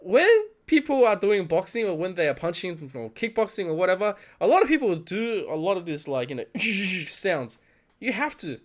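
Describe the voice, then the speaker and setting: A man hosting a casual video-game trailer reaction, talking excitedly, laughing often and imitating lines he hears. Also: high voice, normal speed. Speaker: gaming video host.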